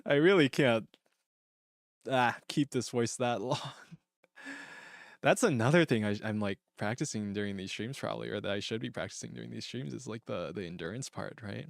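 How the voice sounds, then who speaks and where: A man streaming live, joking around and quick to laugh at himself, chatting casually about voice training. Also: mid-range voice, vocal fry, no echo, clean studio sound.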